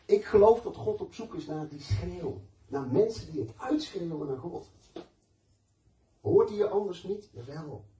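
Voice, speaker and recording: A man's voice: on the high side, mellow. A man preaching a sermon, telling stories in a conversational, emphatic way and mixing in personal testimony. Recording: echoey room, mic at a distance.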